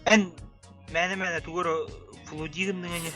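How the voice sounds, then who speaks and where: High, bright-voiced young man bantering. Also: fairly even intonation, a little slow, faint music behind. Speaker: co-commentator on a game stream. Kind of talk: casual banter over gameplay.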